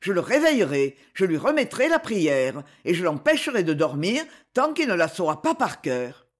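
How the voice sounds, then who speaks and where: A man's voice: high voice, very animated, normal speed. A man reading the part of an eager, timid male dwarf servant in an audiobook, talking in a flustered way. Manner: flustered, stammering.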